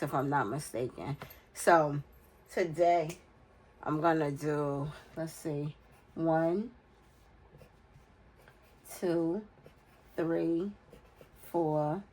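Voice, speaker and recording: An American budgeting vlogger in her forties, congested from a cold, talks casually and unhurriedly in a nasal voice while filling in budget challenges, counting aloud under her breath. Her voice sits low and is a little mellow, and the audio is poor.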